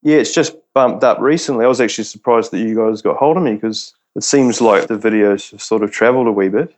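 A man with a broad Kiwi accent talks casually as an interview guest. His voice sits a little low, and he has a slangy, laid-back way of talking with a joking streak. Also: fast talker, darkish tone. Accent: broad New Zealand. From New Zealand. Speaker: podcast guest, spearfisher.

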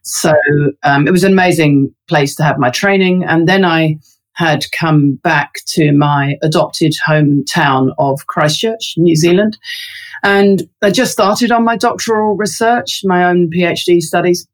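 A woman from London, a resilience researcher appearing as an interview guest, talks casually in a lowish, unhurried voice. She's chatty and thoughtful, with lots of ums and other fillers.

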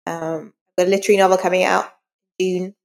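Here a woman author talks quickly in a lowish, creaky, slightly mellow voice with a flat delivery. As an interview guest she's frank and informal, reflecting as she goes, in a casual chat captured with long reverberant room sound.

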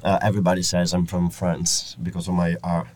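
Congested Venetian-accented man, low voice. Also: monotone, brisk, darkish tone, no echo. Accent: Italian, Venetian. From Venice, Italy. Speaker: guest. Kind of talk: casual interview.

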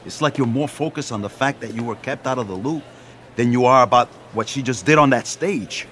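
A man's voice: medium pitch, a little fast, fairly bright tone, a little hiss or hum, natural voice. Give me a man doing a pushy, upbeat record boss in an audio drama. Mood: eager. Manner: enthusiastic, persuasive. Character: upbeat male music label boss.

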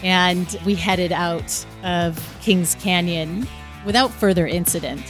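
A woman with a slightly low voice tells a personal story in a lively, conversational way. She retells it vividly, and faint music plays softly behind her. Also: slow pace. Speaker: storyteller guest. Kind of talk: casual storytelling.

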